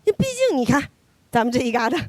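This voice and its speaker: On stage before a live audience, a woman performs stand-up with a high-pitched, very animated voice at a quick pace. Her chatty, teasing delivery builds to punchlines amid audience laughter, with a little hiss or hum in the audio.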